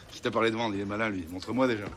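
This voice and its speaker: A man's voice: lowish voice, steady tone, quick pace, noisy background, natural voice. An actor playing a stubborn, demanding male fabric customer. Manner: insistent, haughty.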